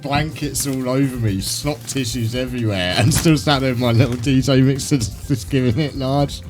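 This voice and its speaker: A man's voice: mid-range voice, moderate pace, music in the background. A man co-hosting a radio show as DJ, chatting casually and laughing at himself. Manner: laughs often, self-mocking storyteller. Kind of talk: casual chat.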